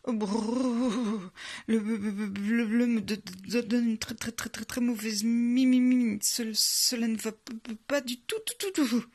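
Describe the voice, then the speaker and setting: Lady doing a grumpy big wolf, fussy, kinda husky and a bit high. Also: lively intonation, measured pace, heavily acted. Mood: shivering stutter. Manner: fussy, exclaims in dismay.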